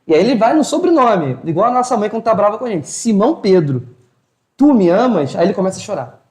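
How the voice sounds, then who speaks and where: A man's voice: high-pitched, sing-song, rapid-fire. A man giving an informal spiritual talk, telling stories in colloquial slang and acting out the dialogue. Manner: colloquial storytelling, acts out dialogue. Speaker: spiritual lecturer. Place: hall of a spiritual house. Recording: roomy echo.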